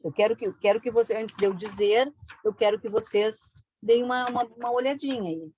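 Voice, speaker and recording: A woman teaching an online exam-prep lesson, brisk and coaxing, with frequent tag questions. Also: on the high side, a little mellow, breathy edge. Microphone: video call.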